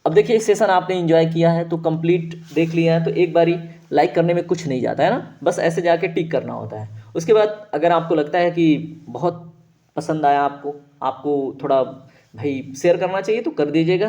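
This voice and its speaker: A man's voice: a little high, a little mellow. A man teaching an online exam-prep lesson, explaining patiently and drawing out sounds to demonstrate them, with constant "right?" check-ins. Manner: explanatory, drawn-out vowel demonstrations, frequent "है ना" and "ठीक है" check-ins. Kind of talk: online lecture. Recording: dull lo-fi audio.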